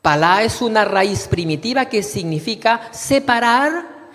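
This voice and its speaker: A man's voice: sits high, animated, a little slow, a bit bright. A man preaching a sermon, reading scripture aloud and calling the congregation brothers. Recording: long reverb of a hall.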